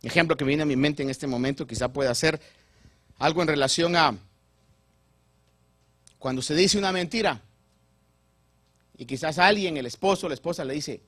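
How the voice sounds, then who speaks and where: A male pastor giving a sermon, animated and repeating words while he builds each point. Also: on the high side, normal speed, long pauses, no echo.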